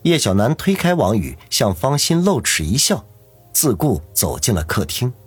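A man reads a novel aloud as its narrator, his voice low and very husky. He tells the story steadily, with a lively rise and fall, over faint background music. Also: normal speed, no room sound. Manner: steady storytelling, doing every character. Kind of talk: audiobook narration.

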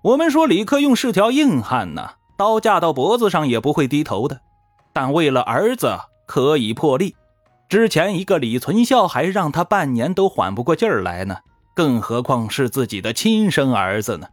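A man storytelling history with a voice that leaps high and low, folksy and dramatic, pausing for effect. His voice sits a little high for a man and is recorded dry and close, with soft music beneath. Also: dry recording. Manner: lively, folksy, dramatic pauses.

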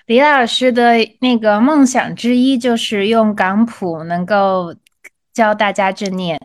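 A woman's voice: mid-range voice, a little slow. A woman hosting a livestream in a casual conversational way, with the odd English word mixed in. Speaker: livestream host.

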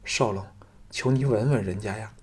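A man's voice: fairly low pitch, moderate pace, a little mellow, breathy edge. A man voicing a lovesick young noblewoman who begs and pleads breathlessly. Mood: pleading. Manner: breathless, imploring.

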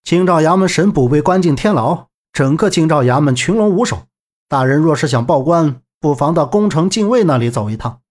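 A man's voice: on the high side, lively intonation, a little fast, a little mellow. A man voicing a confident young male swordsman in an audiobook, easygoing and teasing. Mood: earnest.

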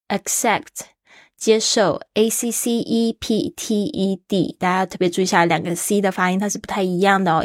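A woman's voice: mid-range voice, no room sound. Woman, English teacher, podcast host, chatty, spells words out, dry sound. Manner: laughs easily. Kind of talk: casual podcast English lesson.

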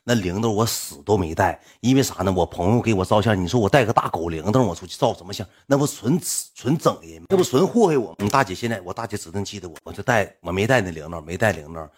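A man's voice: lowish voice, animated, quick pace, hardly any pauses, breathy edge. A young man with a Northeastern Chinese accent, a livestreamer telling a story in a rambling, coarse, blunt way. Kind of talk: casual storytelling.

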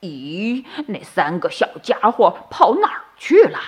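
A woman voicing a hungry, drooling wolf who gloats with a loud laugh in a bedtime story. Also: medium pitch, huge pitch swings, measured pace, husky, full character voice. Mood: puzzled.

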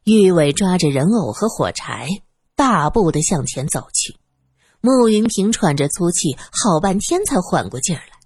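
A woman narrating an audiobook story in an expressive, dramatic storytelling manner. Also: fairly low pitch, normal speed, slightly rough, no room sound, studio quality.

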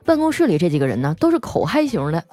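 A woman's voice: fairly low pitch, sing-song, fast talker, dark tone, faint music behind. A female podcast host telling comic stories in a chatty, teasing way. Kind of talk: comic storytelling.

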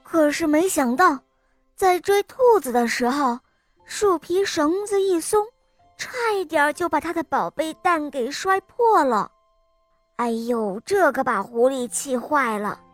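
Expressive woman reading a children's story. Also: sits high, unhurried, dry recording, soft background music. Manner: gentle, expressive, addressing children. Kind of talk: storybook narration.

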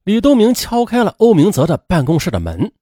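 Husky male true-crime storyteller. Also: high voice, huge pitch swings, brisk, mellow, no echo, clean studio sound. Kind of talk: dramatic true-crime narration.

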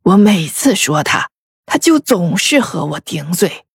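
A woman voicing a grieving old noblewoman who talks slowly and wearily about her wayward son, with sighs. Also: lowish voice, big pitch swings, no room sound, studio quality, full character voice. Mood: weary lament. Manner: slow, sighing, weary and breathy. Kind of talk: audiobook character voice.

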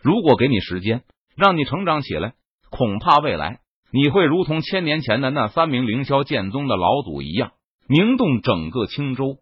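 A man's voice: mid-range voice, big pitch swings, moderate pace, husky, dry recording, highs cut off. A man doing a cold arrogant villain cultivator. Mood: cold scorn. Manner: cold and scornful, threatening.

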